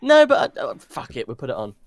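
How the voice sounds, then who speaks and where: A man's voice: mid-range voice, huge pitch swings, a little fast, gravelly, no room sound. A man co-hosting a casual racing podcast, jokey and playful, swearing now and then. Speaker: podcast co-host.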